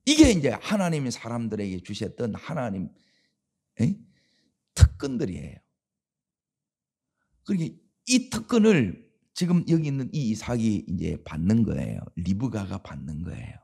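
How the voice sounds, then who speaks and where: Gravelly, lively-voiced Korean pastor preaching. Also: male voice, lowish voice, moderate pace, long pauses. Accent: Gyeongsang Korean. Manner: conversational preaching with rhetorical questions. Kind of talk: dawn sermon.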